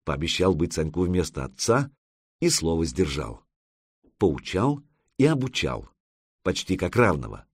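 A male audiobook narrator with a very low, husky voice. His telling is expressive, rising and falling widely in pitch. The recording is close and dry. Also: unhurried, pauses often, dry recording. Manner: expressive storytelling with lively intonation.

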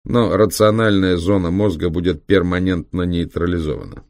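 A man reading an audiobook, voicing a cold, ruthless German male biochemist with a creaky, reproachful voice. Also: low voice, fairly even intonation, normal speed, a little mellow, dry recording, studio quality. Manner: reproachful, dismissive.

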